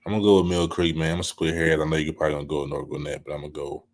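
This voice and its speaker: A man's voice: extremely low pitch, flat delivery, very fast. A man, co-hosting casual sports talk in a laid-back, friendly way. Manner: laid-back, calls partner brother. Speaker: co-host.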